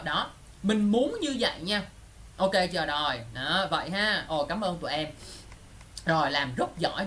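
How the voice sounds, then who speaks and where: A man's voice: high-pitched, bright, forceful tone, a little hiss or hum. A man teaching an English exam class, constantly checking that his students are following. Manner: keeps checking students follow with quick questions. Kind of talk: lively online class teaching.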